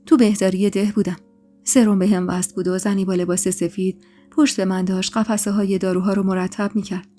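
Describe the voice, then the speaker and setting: A woman storyteller reading a dramatic first-person story in an emotional, expressive way, with faint music behind her. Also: medium pitch. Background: faint background music.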